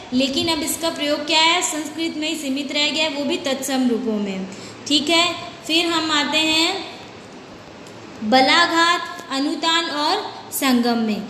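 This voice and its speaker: A woman teaching a grammar lesson in a high, bright voice. She explains step by step, asking a question and then answering it herself. The room rings with echo, and faint noise sits underneath. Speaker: school teacher. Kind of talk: recorded Hindi grammar lesson. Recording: echoey room with long reverb, faint noise.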